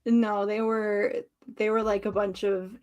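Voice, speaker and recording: A woman's voice: mid-range voice, level tone, a little slow, darkish tone. A woman co-hosting a casual group podcast chat, laughing often and putting on mocking voices when she tells a story. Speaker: podcast co-host.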